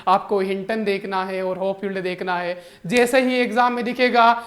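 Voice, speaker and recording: A man runs an exam-prep lesson full of jokes and silly memory tricks. He is animated and teasing and keeps calling the viewer brother. His voice sits fairly high for a man. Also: normal speed. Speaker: exam coaching teacher. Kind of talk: comic mnemonic lesson.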